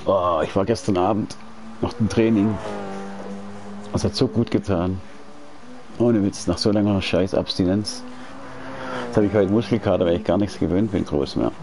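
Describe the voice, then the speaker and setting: A sim racing streamer in his forties, with a very deep voice, chats casually while gaming from home, relaxed and rambling with slang and restarted sentences. He speaks at a moderate pace with long pauses, while loud race-car engine noise from the game runs beneath him.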